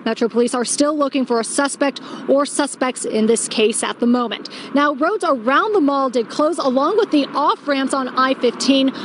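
A young woman field reporter delivering a scripted live news report in a brisk way, outdoors on a city street at night with a handheld mic. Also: sits high, slight background noise.

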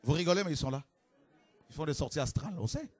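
A man preaching a fiery sermon to a congregation, with shouted exclamations and rhetorical questions. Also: a little high, lively intonation, fast talker.

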